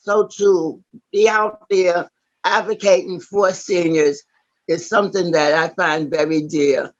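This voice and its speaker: Halting, earnest woman in her eighties. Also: lowish voice, steady tone, highs cut off. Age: 80s. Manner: earnest, halting, with many fillers and restarts. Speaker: award honoree. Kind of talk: acceptance speech.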